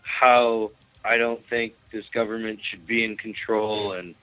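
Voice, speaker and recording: A man's voice: fairly low pitch, little pitch movement, unhurried, no room sound, dull audio. A man chatting casually as a radio guest, with a laid-back, slangy way of talking. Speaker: musician guest on radio show. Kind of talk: casual chat.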